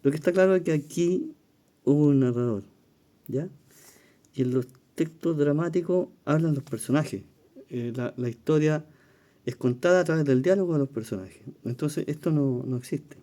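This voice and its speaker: A Chilean man runs an exam-prep lesson in a very dark, mellow voice that sits a little high. Patient and thinking aloud, he explains each question, pausing on fillers and asking "¿ya?" along the way.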